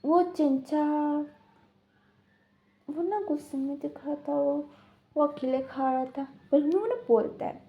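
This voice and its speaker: A woman's voice: sits high, takes it slowly, pauses often, lo-fi sound. A woman casually retelling a drama's plot in a rambling way, full of filler words. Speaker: storyteller.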